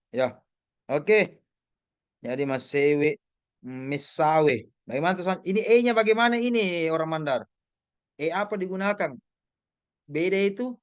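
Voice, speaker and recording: A man giving an informal class lecture, animated and teasing, questioning his students. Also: fairly high pitch, clear, resonant tone, no room sound.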